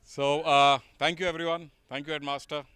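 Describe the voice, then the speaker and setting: A man's voice: fairly high pitch, flat delivery, normal speed, sharp tone, clean tone. A man with an Indian accent speaking as an alumni society president, giving an informal speech of thanks. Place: outdoor school playing field.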